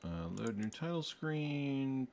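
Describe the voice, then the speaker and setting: This man's mid-range, slightly mellow voice swings widely in pitch as he slowly talks through his own coding on a stream, full of wry asides and self-corrections. There's a little hiss or hum and faint keyboard typing.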